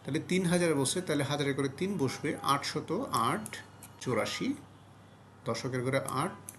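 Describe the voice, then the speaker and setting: A man's voice: on the high side, expressive, unhurried, fairly bright tone, a little hiss or hum. A man explaining a primary school math lesson step by step, patient and repetitive, with frequent fillers and self-corrections. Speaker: math tutor.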